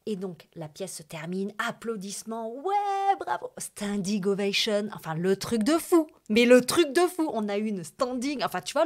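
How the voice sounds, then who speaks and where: A young woman from the French Alps, a guest telling a personal story in casual, emotional chat, with many fillers and asides. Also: medium pitch. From France, Hautes-Alpes. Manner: chatty and lively, with many fillers and asides to the host.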